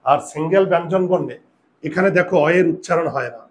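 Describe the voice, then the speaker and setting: A man teaching a grammar lesson, explaining step by step, asking his students questions and saying example words very slowly. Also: on the high side, a little hiss or hum. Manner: drawn-out slow example words. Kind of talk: classroom pronunciation lesson.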